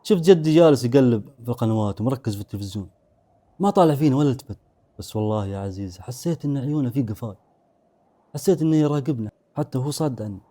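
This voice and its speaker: A man narrating a first-person horror story in a brisk, dramatic way. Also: medium pitch, animated, mellow.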